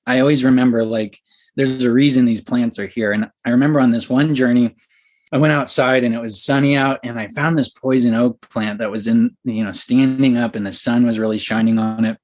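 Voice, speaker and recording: A man in early adulthood speaks as a podcast guest. He tells his story with excited, animated energy and fills it with likes and ums. His voice sits in a middle range. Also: mid-range voice, fairly quick. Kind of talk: casual storytelling.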